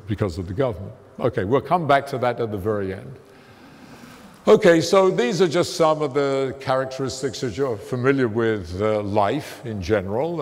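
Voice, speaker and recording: A theoretical physicist who immigrated to the United States gives a public science lecture as a guest speaker in a museum lecture hall. Speaking emphatically and conversationally in a fairly loud, fairly low-pitched voice, he walks away from the podium without a handheld mic, picked up by a room mic. The recording has the long reverb of a lecture hall.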